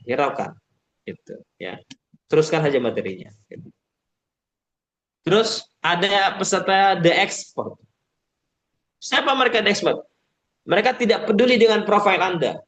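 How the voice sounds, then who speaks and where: A man giving a casual public speaking webinar, explaining step by step and often ending sentences with a filler. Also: high-pitched. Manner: acts out shouting teachers and chirpy call-and-response. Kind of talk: webinar talk.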